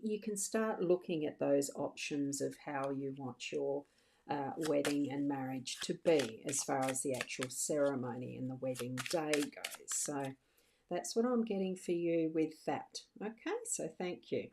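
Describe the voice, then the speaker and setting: A middle-aged woman with a slightly low-pitched voice talks to her livestream viewers in a relaxed, chatty way. She is reassuring and warm in her wording, and she often stops and restarts her sentences as she goes. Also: a little slow, noisy background. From Australia. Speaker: psychic medium doing live card readings. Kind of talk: casual livestream chat.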